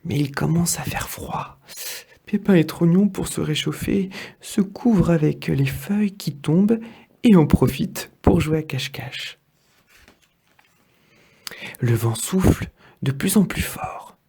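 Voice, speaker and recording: A man reading a children's story aloud in a gentle, measured way. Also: on the high side, gravelly, husky.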